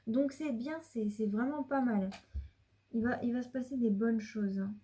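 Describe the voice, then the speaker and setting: Husky, mellow-voiced woman reading cards. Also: fairly high pitch, normal speed. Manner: chatty and rambling, with many restarts; drops to a whisper at times. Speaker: card reader. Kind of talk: casual tarot reading to camera.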